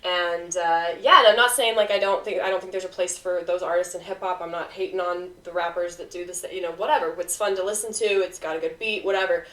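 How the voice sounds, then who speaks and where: A woman hosting a podcast in an easygoing, enthusiastic chat. Her voice sits a bit low and sounds roomy and a little distant from the mic. She talks freely and laughs often. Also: steady tone, quick pace, few pauses, a bit bright. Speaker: podcast host. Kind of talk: casual interview chat.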